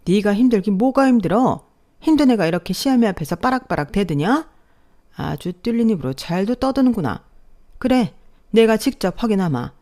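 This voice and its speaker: A woman voicing a spiteful, sharp-tongued older mother-in-law who scolds in a raised, shrill voice in a radio drama. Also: close to an everyday voice.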